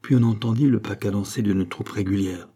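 Guy narrating an old novel, low dark husky voice, steady pace. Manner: measured, steady reading. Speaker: audiobook narrator. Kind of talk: scripted narration.

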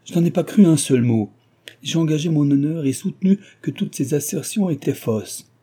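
A man's voice: mid-range voice, moderate pace, warm tone, breathy edge, natural voice. A man voicing a proud, agitated young male suitor in a storybook reading, speaking in an impassioned, pleading way. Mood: indignant.

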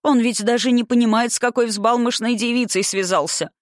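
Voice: medium pitch, fairly even intonation, a little fast, no room sound, clean studio sound, voice pushed up, natural voice. A reader voicing a fussy governess. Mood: fretful. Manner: emphatic, theatrical dismay. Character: fussy middle-aged female governess. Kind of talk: audiobook reading.

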